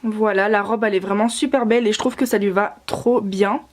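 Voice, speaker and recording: A woman's voice: mid-range voice, fairly even intonation, fairly quick. A young woman casually presenting her doll outfits in a chatty, rambling way, with many fillers and self-corrections. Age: young adult. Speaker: doll collector vlogger. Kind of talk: casual show-and-tell narration.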